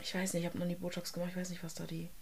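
A woman's voice: on the low side, monotone, racing, darkish tone. A woman co-hosting a podcast, talking in casual, slangy, emphatic gossip. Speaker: podcast co-host.

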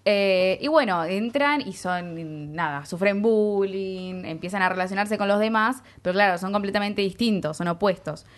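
A woman's voice: mid-range voice, moderate pace, few pauses. A woman with an Argentine accent, hosting a casual chat and summarizing at length with strong opinions. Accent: Argentine Spanish.

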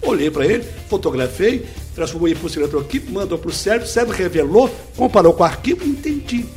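A middle-aged man, explaining a teaching method as an interview guest through lively step-by-step examples. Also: high voice, quick pace, soft background music. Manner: lively, didactic, full of examples. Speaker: speed-reading teacher, guest.

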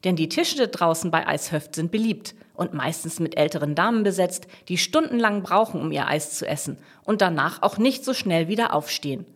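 A woman narrating a children's story aloud in an expressive storytelling manner. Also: on the low side, normal speed, few pauses.

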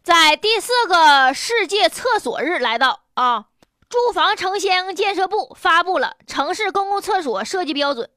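A woman's voice: extremely high pitch, expressive, unhurried, pushed and bright, no echo, soft background music. A woman with a Northeastern Mandarin accent hosting humorous, colloquial news commentary in a blunt, opinionated way. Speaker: host of a news commentary show.

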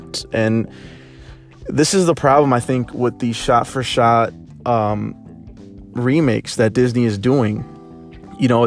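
A young man giving a casual spoken film review, hesitant, with lots of filler words and restarts. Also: lowish voice. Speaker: movie reviewer.

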